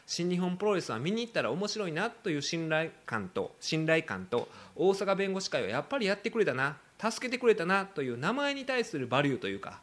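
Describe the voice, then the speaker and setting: A man with a Kansai accent, hosting a podcast in casual talk, animated and quick to laugh while he quotes others. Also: a little high. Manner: animated storytelling, laughing often, quoting others. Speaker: podcast host.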